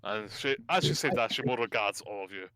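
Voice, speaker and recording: A man's voice: fairly low pitch, lively intonation, brisk, bright, forceful tone. A man narrating as game master of a tabletop role-playing game, easygoing and rambling, with frequent fillers and restarts.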